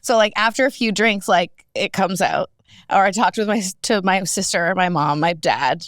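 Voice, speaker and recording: A woman hosting a podcast in a studio, chatting in a bubbly, playful way and reacting quickly with laughs. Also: mid-range voice, a bit bright, smooth, no echo. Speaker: podcast host. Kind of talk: casual podcast chat.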